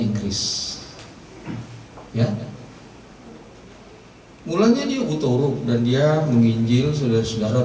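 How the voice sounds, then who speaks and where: A man preaching a sermon as pastor, telling stories in casual slang with sudden jumps in pitch. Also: slight background noise. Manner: lively storytelling, casual slang, wide pitch swings. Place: church hall. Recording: echoey church from far off.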